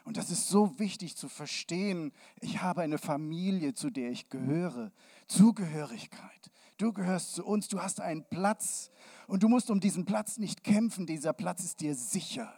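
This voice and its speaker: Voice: mid-range voice, normal speed, darkish tone, no echo, clean studio sound. An adult giving a children's sermon with a hands-on demonstration, speaking to the children directly, asking them questions and sometimes dropping to a whisper.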